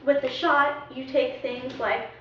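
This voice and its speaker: A woman's voice: high-pitched, steady tone, measured pace, background noise. A young woman in a casual student video skit, explaining in a chatty, playful way. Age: young adult. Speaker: student presenter. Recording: echoey room, far from a dull mic.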